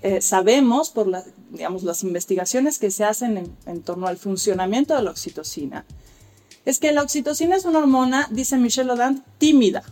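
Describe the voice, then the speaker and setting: Her voice is mid-range and a touch mellow. She's an expert guest in an interview explaining childbirth care, lecturing articulately and performing the lines of dialogue she cites.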